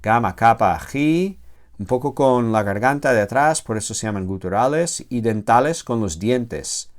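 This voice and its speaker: A man teaching a grammar lecture, slow and halting, with many self-corrections and filler sounds, drawing out the word forms he spells. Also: medium pitch, lively intonation. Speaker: theology teacher.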